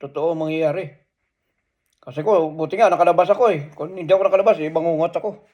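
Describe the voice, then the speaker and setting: Earnest man telling his dream stories. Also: high-pitched. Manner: earnest, halting, many restarts and pauses. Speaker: storyteller recounting prophetic dreams. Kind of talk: casual first-person storytelling. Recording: dull lo-fi sound.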